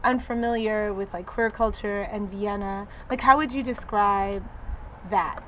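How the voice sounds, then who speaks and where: A woman's voice: mid-range voice, fairly even intonation, a little slow, slight background noise, poor audio. A woman interviewing an artist in casual chat, encouraging her along with short responses. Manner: encouraging, lots of short backchannel.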